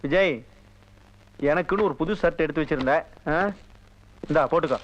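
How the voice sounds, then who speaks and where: An actor playing a gruff, commanding older uncle giving orders to his nephew. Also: a little high, moderate pace, highs cut off, a little hiss or hum, lightly acted. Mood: bossy.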